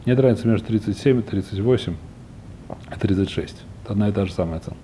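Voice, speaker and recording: A man gives an informal Talmud lesson at a quick clip in a mellow, fairly low voice. He repeats himself and hunts for words as he explains. The recording has a faint rumbling noise behind him. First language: not a fully fluent Russian speaker by own account. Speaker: religious teacher.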